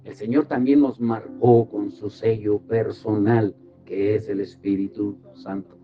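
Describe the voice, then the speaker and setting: This pastor's voice is fairly low and steady, moving a little slowly as he leads a devotional Bible study. In this teaching sermon, he asks the group rhetorical questions and points them toward verses, over a slightly dull recording with background music.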